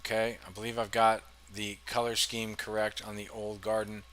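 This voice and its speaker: A man's voice: lowish voice, flat delivery, moderate pace, a bit bright. A man casually commenting on a basketball video game, laughing often and rattling off player stats. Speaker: gaming channel host.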